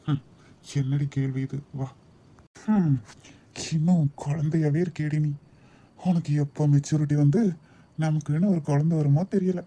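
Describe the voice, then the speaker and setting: A man's voice: a little high, steady tone, moderate pace, long pauses, warm tone, slight background noise, close to an everyday voice, poor audio. A man voicing a young husband in a cartoon drama, loving but short-tempered, given to pushy, scolding questions. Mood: teasing.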